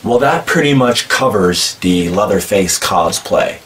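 Surrounded by horror collectibles in a cluttered indoor room and filmed from a distance, a man in his forties enthusiastically shows off horror cosplay props in a casual vlog. His fairly low voice is animated, a little slow, and fairly bright in tone.

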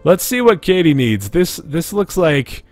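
A man's voice: fairly high pitch, very animated, a little slow, a little mellow, faint music behind. A man hosting a gaming video with casual, joking commentary, often talking to himself. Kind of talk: casual let's play commentary.

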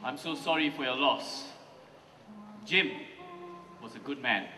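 Male, actor as loyal, melodramatic soldier comrade, comic theatre, heard from afar through loud noise. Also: mid-range voice, unhurried, natural voice. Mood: solemn. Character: earnest male soldier, loyal comrade bearing sad news. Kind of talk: comic stage acting. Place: large theatre stage with audience. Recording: echoey hall, distant, loud noise.

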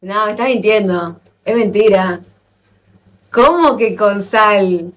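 A woman with an Argentine accent chatting casually with viewers on a live stream, playful and quick to exclaim and laugh. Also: medium pitch. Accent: Argentine Spanish. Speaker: livestreamer.

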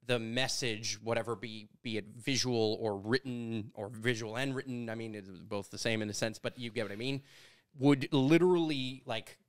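Here is an animated man from Canada in his thirties, telling stories in a relaxed sit-down chat. His voice is smooth and resonant at a middle pitch, picked up close on a studio boom mic. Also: normal speed. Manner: animated, gesturing storyteller. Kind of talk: casual conversation. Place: studio with brick walls. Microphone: studio mic on boom arm.

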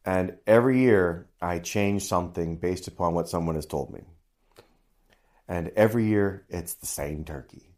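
A man's voice: low-pitched, normal speed, a little mellow. A middle-aged man, a priest co-hosting a podcast, talking in a casual chat with dry, wry humor. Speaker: priest co-host.

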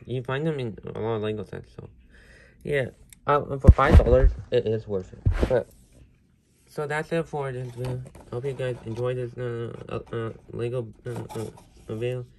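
A man reviews a toy set in a loose, unscripted way, stumbling through fillers and restarts. His voice sits at an ordinary middle pitch and now and then gets loud. A faint hum of household noise runs behind him. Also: fairly even intonation, moderate pace. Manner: rambling, many fillers and restarts. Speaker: Lego reviewer.

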